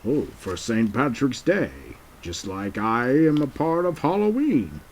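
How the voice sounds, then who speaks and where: In a homemade puppet drama, a man voices a proper, courteous male go-between with a rich tone. He speaks slowly, formally, and in a sing-song manner with wide pitch swings, over slight background noise.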